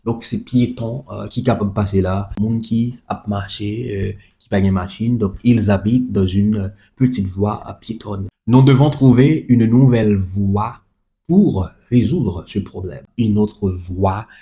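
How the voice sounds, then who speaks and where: A man's voice: fairly low pitch, unhurried, warm tone. A man teaching a French lesson, spelling words letter by letter, repeating each example and adding chatty asides to the listener. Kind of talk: explaining a language lesson.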